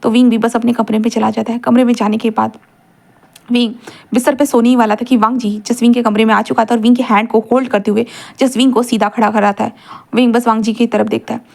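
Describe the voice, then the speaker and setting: A woman's voice: a little high, level tone, fast talker, gravelly, a little mellow. A woman narrating a romance fan fiction story in a casual, explanatory way. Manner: casual, explanatory, with many fillers.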